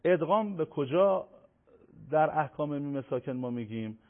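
Male teacher, measured tajweed lesson, slows down to recite examples; thin phone-like sound. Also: a little high, animated. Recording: tinny phone-like audio.

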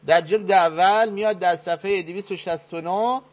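A man's voice: high voice, fairly even intonation. A man speaking as a studio expert in a debate, firmly citing sources and reading passages aloud. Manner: reads and translates old texts, firm. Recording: dull lo-fi broadcast sound.

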